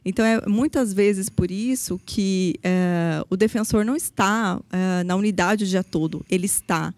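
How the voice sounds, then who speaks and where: In a dry recording, a woman talks a podcast interviewer through her work as a federal public defender, sincere but hesitating frequently; she comes from Brazil's Paraná region. Her voice has a medium pitch and darkish tone at a normal speed.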